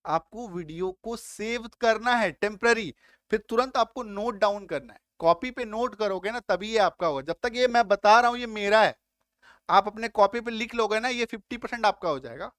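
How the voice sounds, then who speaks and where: A man's voice: sits high, moderate pace, a bit bright, no room sound. Dry-sounding male teacher drilling spelling. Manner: repeats words and keeps checking if students follow; spells words letter by letter, then sounds them out. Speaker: English teacher. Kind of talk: classroom-style spelling lesson.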